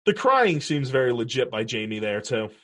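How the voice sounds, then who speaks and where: A man's voice: medium pitch, sing-song, moderate pace, a bit bright. A man casually chatting through a movie commentary, cracking jokes and laughing often. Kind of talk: casual movie watch-along chat.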